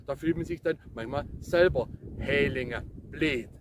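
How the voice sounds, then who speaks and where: A man's voice: fairly high pitch, a little slow, background noise. A man with a Swabian accent explains dialect words in casual, colloquial talk, addressing his listeners directly.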